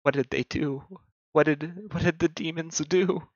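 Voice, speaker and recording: A man's voice: on the high side, steady tone, measured pace, a little mellow, no echo, dull audio, pitched above the performer's own voice. A man voicing a feeble, frightened old woman with a hesitant voice in a tabletop game. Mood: anxious. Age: older.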